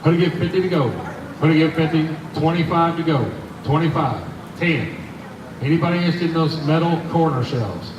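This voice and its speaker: A man's voice: on the high side, normal speed. A man working as an auctioneer, calling bids in a repetitive sing-song chant. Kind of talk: live auctioneer chant, rattled-off repeated bids. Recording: roomy, distant, noisy live auction recording.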